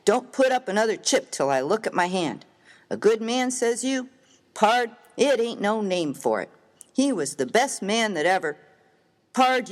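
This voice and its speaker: Playing a hearty, rough-edged Old West miner from America in a dramatised reading, a man speaks in a high register. The character is good-natured, and his talk is slangy, folksy and emphatic.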